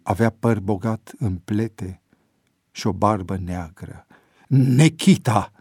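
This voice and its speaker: A man's voice: low-pitched, fairly even intonation, darkish tone, slightly rough, no room sound. Man narrating a story, dry. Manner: measured reading. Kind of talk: scripted narration.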